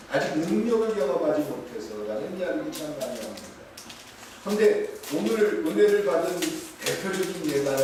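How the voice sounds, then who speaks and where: High-voiced pastor preaching in an echoey hall. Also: male voice. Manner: earnest, pleading preaching with acted-out prayers. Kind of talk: sermon. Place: church sanctuary. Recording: echoey church hall with noise, mic far off.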